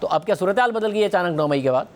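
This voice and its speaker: A man's voice: high-pitched, animated, fast, slight background noise. A male news anchor with a Pakistani Urdu accent, asking a guest pointed questions and pressing him on his answers in a studio interview.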